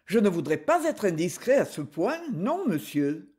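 An unctuous, self-important little clerk, as a woman puts him on. He sounds breathy and slow, with widely swinging pitch. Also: very animated, mellow, full character voice. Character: small fidgety gentleman clerk, unctuously polite.

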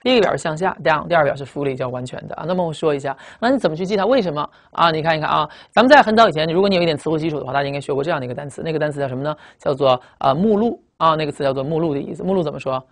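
Guy teaching vocab, talks fast, asks questions then answers them himself, spells words out slow. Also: on the high side. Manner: reads English words slowly and spells them out; often ends phrases with a drawn-out "ah". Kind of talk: recorded classroom lecture.

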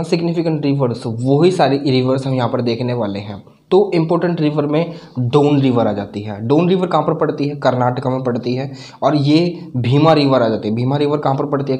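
A man from North India teaching a map lesson, halting over names and asking and answering his own questions. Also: fairly high pitch, dark tone. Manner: halting, repeats names, asks and answers himself.

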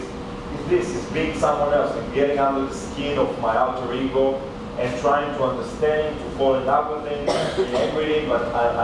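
A man in his thirties with an Israeli accent, a panelist and author telling a story with many restarts and hesitations. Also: medium pitch. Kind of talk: panel discussion answer. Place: large hall at a panel table. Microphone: table mic, recorded by a far camera. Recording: echoey hall from far off, noisy.

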